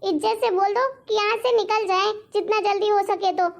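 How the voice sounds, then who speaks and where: A woman voicing a defiant young wife who scolds her husband loudly and rudely, scorning her mother-in-law, in a cartoon story. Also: extremely high pitch, steady tone, normal speed. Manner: loud, scolding, rude. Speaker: daughter-in-law.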